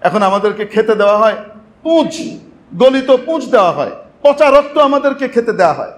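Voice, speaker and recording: A man's voice: high-pitched, flat delivery, quick pace, lightly acted. A man voicing damned souls in hell who complain and plead in an aggrieved tone. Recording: echoey mosque hall.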